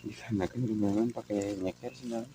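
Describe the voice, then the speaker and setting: A man with a Sundanese accent talking in a hushed, careful way, chatting casually as he vlogs outdoors at night. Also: lowish voice, fairly even intonation, normal speed, noisy background. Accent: Sundanese-influenced Indonesian. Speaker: night exploration vlogger. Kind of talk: casual outdoor vlog chat. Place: outdoors at night on a muddy path. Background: music.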